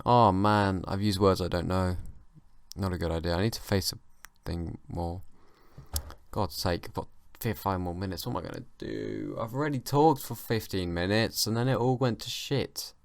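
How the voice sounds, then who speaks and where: A man's voice: deep voice, dry recording. A young man hosting a solo comedy podcast, rambling and mumbling through a self-mocking stream of thought on a home mic. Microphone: home mic with makeshift pop filter.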